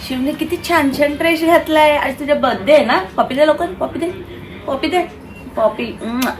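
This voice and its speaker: Woman vlogger, high voice, casual chatty delivery, slight background noise. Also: moderate pace, reverberant. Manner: chatty, warm baby talk with a toddler. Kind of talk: casual vlog chat.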